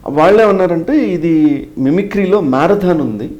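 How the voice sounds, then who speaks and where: A middle-aged mimicry artist talks at normal speed in a fairly high, animated, somewhat mellow voice, with dull audio quality. Answering an interviewer, he explains stories from his career and weaves English phrases into his talk.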